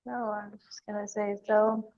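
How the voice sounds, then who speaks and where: A woman's voice: medium pitch, level tone, normal speed. A woman speaking from jail on a recorded prison phone call, with a wry, knowing manner and frequent small laughs.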